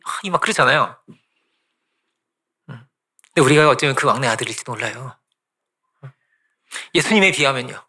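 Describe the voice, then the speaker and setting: Quick, bright-voiced male pastor preaching. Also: a little high. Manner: conversational preaching, keeps asking the congregation "right?"; lively, quick, repeats phrases for emphasis. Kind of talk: sermon.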